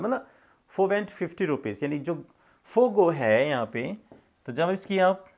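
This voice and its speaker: A middle-aged man teaching English, reading sentences slowly and explaining them in Hindi. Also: on the high side. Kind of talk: casual spoken English lesson.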